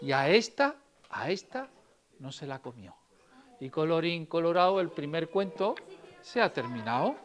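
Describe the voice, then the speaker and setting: A woman storyteller reading and telling tales to children in a library, lively and asking them questions. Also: low voice, moderate pace, soft background music.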